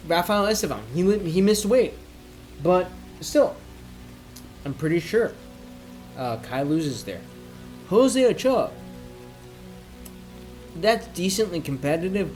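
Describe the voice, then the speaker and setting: A man giving a casual, off-the-cuff sports rant, rambling and thinking aloud in halting bursts as if he has had a few drinks. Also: on the high side, poor audio. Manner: drinking while ranting, tipsy rambling. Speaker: MMA commentator giving opinions.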